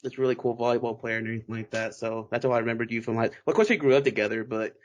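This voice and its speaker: A man's voice: medium pitch, steady tone, racing, dull audio. A man in his twenties from Texas, hosting a casual podcast chat and laughing often. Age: 20s. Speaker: podcast host.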